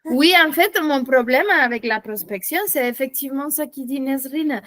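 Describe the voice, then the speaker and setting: A woman's voice: sits high, normal speed, a bit bright. A woman from Latin America, speaking with a Latin American accent, talking hesitantly and self-consciously as a trainee in a casual group chat.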